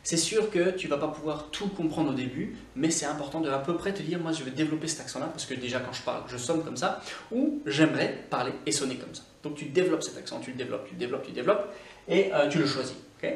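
A Scottish man whose first language is English, an online English teacher giving an animated, coaching video lesson with lots of repetition. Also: a little high, fast, slight background noise. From Scotland. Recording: echoey room, mic at a distance.

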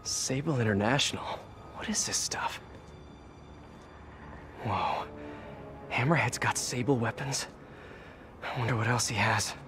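A man's voice: medium pitch, measured pace, long pauses, over music, close to an everyday voice. A man playing an earnest, quippy young superhero in a video game, speaking expressively. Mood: focused. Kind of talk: cinematic game voice acting.

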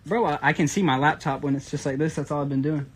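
Male, relaxed self-deprecating banter, voices chattering around. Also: a little high, quick pace, a crowd in the background, poor audio. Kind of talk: casual studio banter. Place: recording studio.

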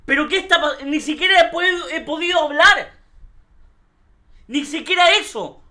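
Brief: Chilean streamer, man, high and bright voice, exasperated and laughing at his chat. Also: normal speed. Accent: Chilean Spanish. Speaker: livestreaming host. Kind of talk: live-stream chat reactions.

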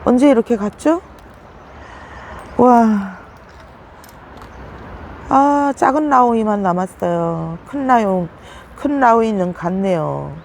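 A woman's voice: lively intonation, slow, creaky, long pauses, darkish tone, a little hiss or hum. A woman casually narrating a tour of her succulents, chatty and exclaiming over them. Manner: chatty, exclaims over her plants with sudden high gasps. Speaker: succulent plant vlogger.

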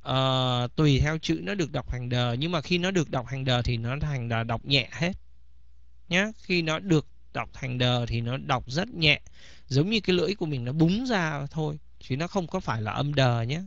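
A man's voice: medium pitch, lively intonation, moderate pace, vocal fry, fairly bright tone, no echo. A man teaching English vocabulary in a bilingual lesson, repeating each word several times. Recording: slightly dull, dry recording.

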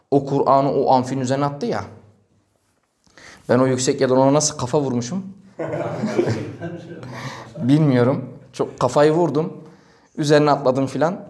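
A male preacher telling a story in a religious talk, acting out the dialogue. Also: medium pitch. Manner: animated, acts out quoted dialogue.

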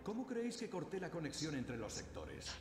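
A man's voice: on the high side, huge pitch swings, fairly quick. A man playing a gloating, menacing tyrant in a video game, with taunting, theatrical delivery. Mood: gloating menace. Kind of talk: video game villain acting dubbed in Spanish. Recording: cavernous reverberant hall with music.

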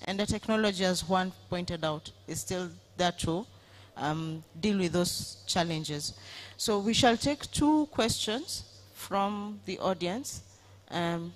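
A woman moderator on a conference panel, brisk and organizing as she moves the session along. Her voice is plain and even. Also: on the low side.

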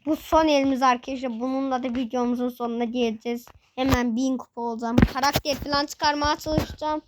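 A young gaming host giving excited live commentary while playing. They repeat the same phrases over and over and shout urgent commands at the screen. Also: sits high, fast, background noise.

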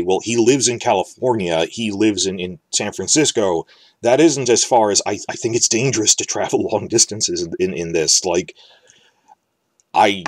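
A man's voice: lowish voice, no echo. A man from the New York area giving casual solo commentary, rambling and speculative, often restarting his words. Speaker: fantasy TV commentator.

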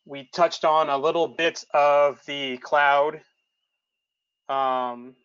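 A man presents over a dull, lo-fi web call, his voice bright and crisp, but his microphone keeps dropping out so the volume lurches up and down. He speaks haltingly, full of ums and restarts. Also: on the high side, steady tone. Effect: microphone audio cutting in and out, uneven volume. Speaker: webinar presenter, solutions architect. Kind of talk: live technical webinar presentation. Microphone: computer microphone on a web call.

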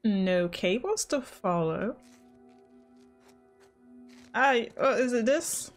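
A woman's voice: a little high, animated, very slow, soft background music. A woman doing casual, playful and chatty commentary as she plays a game. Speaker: gamer, let's player.

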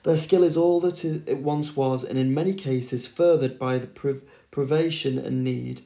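A man hosting a gaming channel who sums up a story and then reads passages aloud at an unhurried pace, with frequent fillers and restarts. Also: medium pitch, steady tone, creaky, mellow. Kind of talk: book summary and reading aloud. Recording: roomy echo.

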